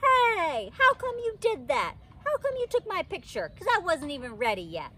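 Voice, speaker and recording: A woman's voice: very high voice, wildly swooping pitch, moderate pace, pushed and bright, pitched above the performer's own voice, exaggerated voice. A woman voicing a stubborn, chatty little kindergarten girl in a storybook, blunt and childlike in manner. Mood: indignant. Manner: blunt, indignant, childish grammar. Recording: outdoor background noise.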